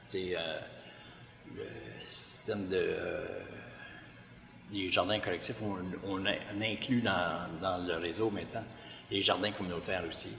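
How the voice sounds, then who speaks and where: A man's voice: low voice, steady tone, unhurried, vocal fry. A man with a Québécois accent, director of a community garden, giving a hesitant public talk with many fillers and restarts. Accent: Québécois French. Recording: echoey hall, dull lo-fi sound.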